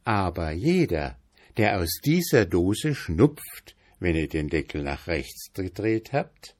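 A man voicing a frightened innkeeper's wife in a read-aloud fairy tale, pleading in a high voice. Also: sing-song, slow, heavily acted.

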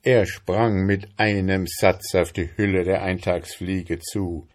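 A man narrating a storybook tale aloud in a calm, measured way. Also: low voice. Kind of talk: storybook reading.

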